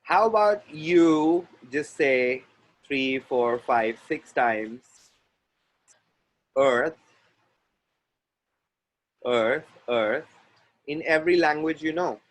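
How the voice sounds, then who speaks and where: With a fairly high, expressive voice, an Indian man with an Indian accent facilitates an online group call outdoors near the ocean. He repeats clearing phrases in a deliberate, chant-like manner for listeners, captured on a low-quality recording.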